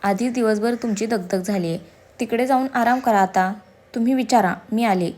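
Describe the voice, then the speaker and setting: Casting: woman reading a warm, persuasive young mother for a storybook, bright and fairly high. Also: moderate pace, lightly acted.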